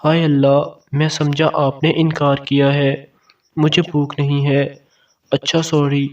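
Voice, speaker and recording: A man's voice: fairly high pitch, level tone, lightly acted. A firm young husband, read by a male narrator. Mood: amused. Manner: firm, plain-spoken. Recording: dull, distant mic sound.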